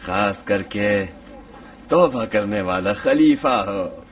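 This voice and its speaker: A man's voice: fairly low pitch, expressive, far from the mic. A man voicing a sly, mocking schemer in a dubbed historical drama.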